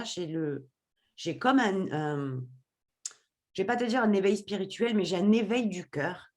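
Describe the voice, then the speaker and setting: A woman's voice: mid-range voice, darkish tone. A woman tells a personal story as a podcast guest. She talks expressively, slipping into the voices of the people in her story as she acts out their conversations.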